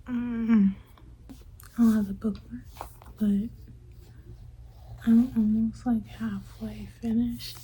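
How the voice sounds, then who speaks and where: A woman's voice: on the high side, background noise. A woman in her twenties whispering a late-night vlog check-in, chatty and loose, her speech a little off from a retainer. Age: 20s. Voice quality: slightly off speech from a dental retainer. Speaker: book vlogger.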